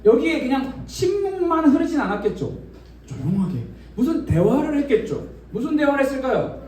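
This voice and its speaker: Man, children's preacher, high voice, asks kids questions, very echoey room. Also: very animated, brisk, a little mellow, distant mic. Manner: asks children questions, acts out imagined dialogue. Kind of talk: children's sermon. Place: church worship room.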